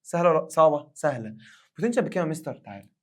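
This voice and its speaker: A hoarse male science teacher with an Egyptian Arabic accent gives an animated exam revision lesson, acting out his students' questions. His voice sits on the high side, and he talks very fast.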